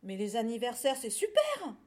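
A woman's voice: on the high side, big pitch swings, unhurried. A woman reading aloud, voicing a small cheerful lamb who exclaims eagerly. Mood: excited. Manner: bright, exclaiming delivery.

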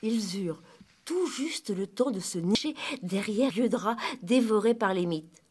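A woman reading a children's story aloud with lively, dramatic narration. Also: medium pitch, measured pace, a little hiss or hum.

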